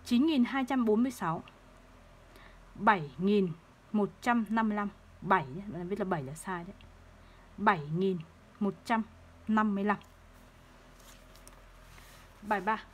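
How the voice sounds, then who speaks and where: A woman teaching third-grade math, explaining place values slowly and patiently and repeating each number. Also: medium pitch, slightly rough. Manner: slow, patient, repeats numbers to drill them.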